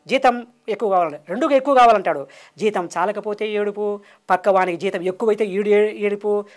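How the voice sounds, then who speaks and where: Woman, spiritual teacher, rhythmic repeated phrases, devotional sermon. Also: mid-range voice. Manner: drawn-out exclamations of aha. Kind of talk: devotional discourse answering questions.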